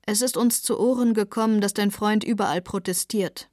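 A woman's voice: medium pitch, moderate pace, a little mellow, no echo, clean studio sound, lightly acted. A woman reading a stern party official.

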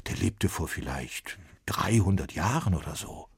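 A man narrating a scripted story in a calm, measured reading voice. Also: low voice, creaky, husky, no echo, clean studio sound.

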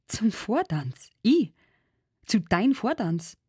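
A woman voicing a wild, jealous young village girl in dialect, loud and scornful. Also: on the low side, a little slow, husky, dry recording, studio quality.

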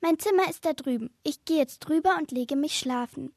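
Eine Frau, die in einem Hörrätsel eine geheimnisvolle, kindlich hohe Mädchenstimme spricht. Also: female voice, normal speed, gravelly, darkish tone, dry recording, clean studio sound. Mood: mysterious. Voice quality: high, childlike.

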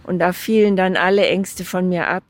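A woman's voice: lowish voice, fairly even intonation, moderate pace, soft background music. Older woman recalling memories. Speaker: interviewee.

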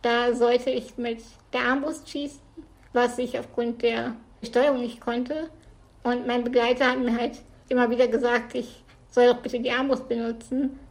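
A woman's voice: a little high, level tone, moderate pace, rough recording. A woman giving a casual personal account as an interviewed gamer.

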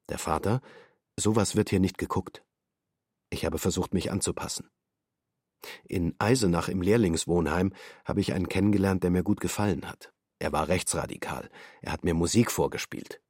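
A subdued male defendant in his thirties, voiced by a man in a documentary radio play. He gives testimony in short, terse sentences. His voice sits very low and sounds husky, and the recording is dry and close. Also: darkish tone, no echo. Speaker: voice actor. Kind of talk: documentary radio drama reading.

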